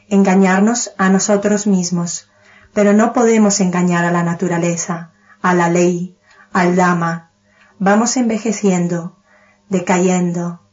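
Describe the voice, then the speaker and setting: Una mujer que da una charla calmada sobre meditación budista, con ritmo medido y que alarga las palabras que repite. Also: female voice, mid-range voice. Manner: measured, slows on repeated key words. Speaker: teacher of Buddhist meditation. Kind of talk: calm spoken dharma talk. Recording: dull, muffled lo-fi recording.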